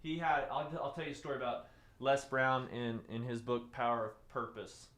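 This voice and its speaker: A man teaching a live-streamed lesson, repeating key phrases and moving between loud excited bursts and soft, low delivery. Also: moderate pace. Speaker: presenter teaching webinar skills. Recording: roomy echo.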